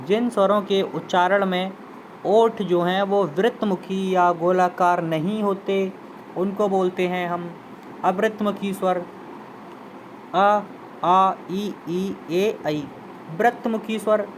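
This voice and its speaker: A man's voice: high voice, a little hiss or hum, poor audio. Male Hindi teacher sounding out vowels. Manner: repeats terms and sounds out example vowels; addresses students directly, invites them to try. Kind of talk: classroom lesson explanation.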